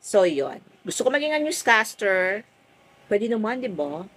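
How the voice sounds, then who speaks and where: A middle-aged woman from the Philippines with a full, loud voice, chatting casually while selling on a phone live stream from home. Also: mid-range voice, a little slow, poor audio. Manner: chatty, lively, fond of "o, di ba?".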